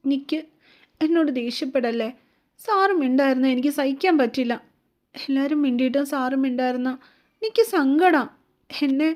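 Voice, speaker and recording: A woman voicing a timid young woman who pleads in halting, broken words through tears, in a romance audio story. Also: fairly high pitch, steady tone, natural voice. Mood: tearful pleading. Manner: halting, broken, sobbing pleas.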